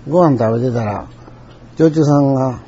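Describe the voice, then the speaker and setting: A man's voice: medium pitch, moderate pace, warm tone, dull audio, a little hiss or hum. An older man with a Kansai accent, telling old stories in a rambling way and chuckling now and then. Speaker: storyteller. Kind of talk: casual spoken reminiscence.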